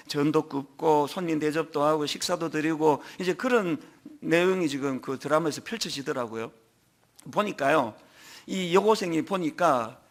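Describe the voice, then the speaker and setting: A middle-aged man preaching a sermon as pastor, telling stories with emphatic swings in pitch and loudness. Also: gravelly. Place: large church sanctuary.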